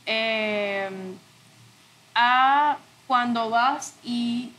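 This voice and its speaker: A woman's voice: a little high, drawn-out words, fairly bright tone. A woman speaking reflectively in an interview, searching for words and correcting herself. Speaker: interview guest, audiovisual art director.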